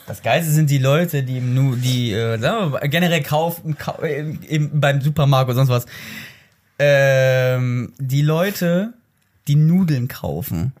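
A man co-hosting a podcast, joking around in casual chat with drawn-out asides. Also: mid-range voice, darkish tone. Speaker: podcast co-host.

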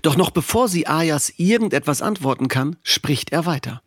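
A man narrating a story in a steady, expressive reading voice. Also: on the high side, normal speed, no echo, studio quality. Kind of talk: audiobook storytelling.

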